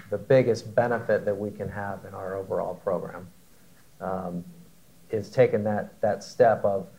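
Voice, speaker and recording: A man in his forties answering as a panelist in a conference hall, measured and hesitant, with many fillers and repeated words. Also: fairly low pitch, darkish tone. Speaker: panelist, aviation operator.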